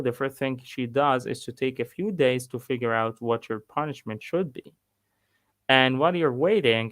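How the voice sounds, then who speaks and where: A man with an Egyptian accent, an English teacher reading a book aloud and pausing to explain words. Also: mid-range voice, a bit bright, dry recording. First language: Arabic. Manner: slow, pausing to explain vocabulary.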